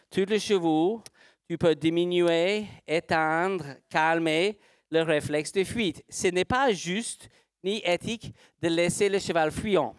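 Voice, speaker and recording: A man's voice: on the high side, clear, resonant tone, no echo, clean studio sound. Man teaching in French. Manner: plain, slightly broken French with rhetorical questions he answers himself. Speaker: horse trainer giving a demonstration. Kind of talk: live seminar demonstration talk.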